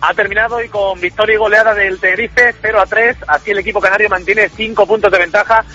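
A man giving a brisk radio report of a finished football match. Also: high-pitched, fairly even intonation, sharp tone, faint music behind. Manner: brisk, clear result summary. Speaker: field reporter. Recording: dull lo-fi broadcast audio.

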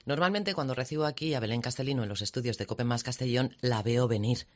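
A man's voice: mid-range voice, fast, no echo, soft background music. A man hosting a radio show, interviewing guests in a friendly conversational way in the studio. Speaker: radio host.

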